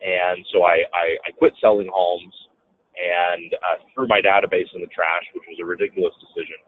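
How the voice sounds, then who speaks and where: In a casual interview, a real estate businessman tells a story in a deep voice at an ordinary pace, animatedly acting out other people's lines in a raised voice. The audio sounds tinny, like a phone, with a little hiss or hum.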